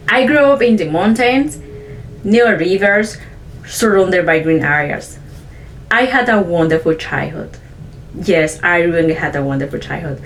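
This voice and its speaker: In a low-quality recording with slight background noise, a Mayan-speaking woman vlogger from Chiapas, Mexico, reflects on her personal life. Her mid-range voice carries careful, non-native English in simple sentences, and her first language is Chong (a Mayan language). She comes across as earnest.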